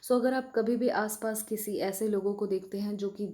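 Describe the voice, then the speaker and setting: A woman with an Indian English accent leads a casual vocabulary lesson, friendly and chatty, with frequent check-ins to her viewers. Her voice sits at an ordinary middle pitch and has a warm, mellow tone. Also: steady tone, normal speed. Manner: friendly, repeats "friends" and "okay?" often.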